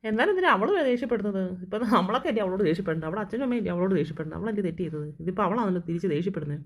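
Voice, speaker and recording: A woman voicing a scheming, power-hungry old witch grandmother in a cartoon, who chants slow spells. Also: mid-range voice, expressive. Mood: indignant. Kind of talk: Malayalam cartoon dubbing.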